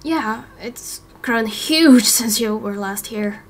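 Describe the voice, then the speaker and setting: In this amateur game roleplay, a woman with a fairly high, slow voice plays a young village man who is friendly and encouraging, with a reassuring way about him.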